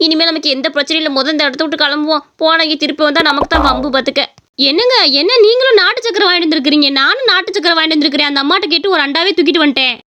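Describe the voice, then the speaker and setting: A woman voicing a chatty young village wife in a cartoon story, lively and talkative. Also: high-pitched, rapid-fire. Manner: lively, chatty, repeats tags like "you see". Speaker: storyteller voicing all roles.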